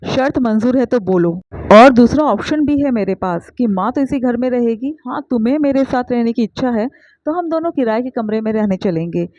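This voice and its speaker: A woman voicing a calm, firm young husband, speaking in measured terms on a dull lo-fi recording. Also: on the high side, dry recording, close to an everyday voice.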